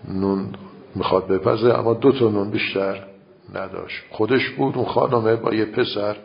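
A man's voice: fairly low pitch, gravelly, a little hiss or hum. A man preaching by telling a religious story in a casual, conversational way and speaking the characters' lines in his own plain voice. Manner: colloquial, retells dialogue in plain voice. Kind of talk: storytelling sermon. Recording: dull lo-fi recording.

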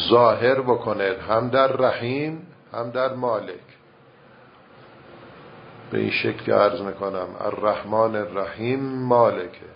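A man teaching recitation rules in a measured, step-by-step way, reciting verse examples as he explains. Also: medium pitch, gravelly. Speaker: religious teacher. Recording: muffled lo-fi recording with faint noise.

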